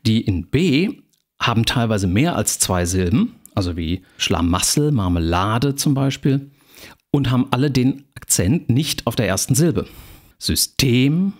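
A man giving a university lecture, explaining in a measured way and addressing students formally. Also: medium pitch, animated, a little mellow.

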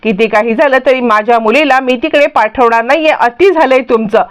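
A woman's voice: fairly high pitch, a little fast, clean tone, lightly acted. A woman voicing an angry, protective middle-aged mother who scolds her daughter. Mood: scolding. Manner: scolding, indignant.

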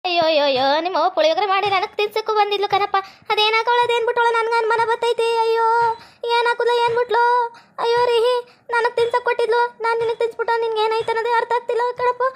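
A woman's voice: extremely high pitch, flat delivery, racing. Woman playing a frantic fussing village wife. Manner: fretting, repeating herself, wailing. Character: frantic young village wife fussing over her husband. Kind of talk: village comedy skit.

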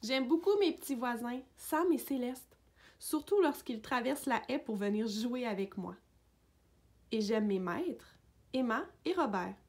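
A woman reading a picture book aloud for young children, narrating gently in a dog's voice of first person. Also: a little high, expressive, unhurried. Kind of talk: read-aloud storybook narration.

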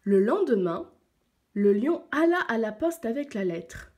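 A woman teacher reading a picture book aloud to young pupils, slow and expressive. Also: a little high.

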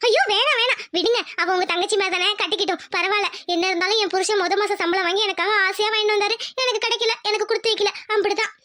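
A woman's voice: very high-pitched, racing, hardly any pauses, bright, forceful tone. A woman voicing Tamil Selvi, a young village wife who sulks at her husband, then teases him fondly. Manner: sulky then playful, chiding.

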